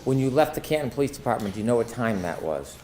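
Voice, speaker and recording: Male trial lawyer, mid-pitched, methodical questioning of a witness, clear background noise. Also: very animated, fast, darkish tone. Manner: formal, precise, methodical. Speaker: prosecuting attorney. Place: courtroom.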